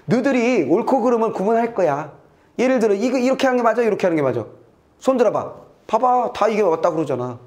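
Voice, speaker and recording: A middle-aged man lecturing on a test passage in a lively, playful way. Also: a little high. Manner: lively, playful, acts out little scenes and sound effects. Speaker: Korean literature tutor. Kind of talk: lecture with acted examples.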